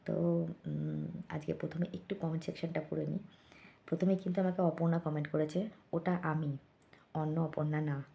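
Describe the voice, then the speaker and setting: Softly murmuring low-voiced woman. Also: vocal fry. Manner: speaks very softly so as not to wake someone. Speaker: vlogger. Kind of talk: late-night hushed vlog chat reading comments.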